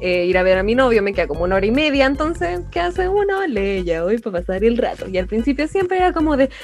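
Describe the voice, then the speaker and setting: A woman's voice: a little high, quick pace, soft background music. A woman in her twenties with a Chilean accent, co-hosting a podcast in casual chat and telling stories with lots of laughter. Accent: Chilean Spanish. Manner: animated storyteller, laughs often, acts out quotes. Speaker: podcast co-host.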